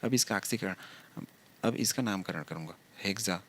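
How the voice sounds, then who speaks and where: A man's voice: low voice, normal speed, a little hiss or hum. A male chemistry teacher giving a lecture, talking through each step and asking the class rhetorical questions.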